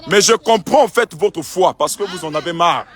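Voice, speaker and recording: Exclaiming pastor outside a church. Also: male voice, high-pitched, normal speed, a loud crowd, very noisy. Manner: exclaiming, repeats himself in disbelief. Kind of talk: phone video to followers, then addressing a crowd. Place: outside a church among a crowd.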